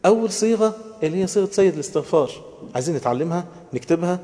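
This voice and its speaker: A man with an Egyptian Arabic accent preaching a sermon to young people. He swings between loud emphasis and hushed, tender phrases, and chants quoted prayers slowly. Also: sits high, lively intonation, long reverb tail.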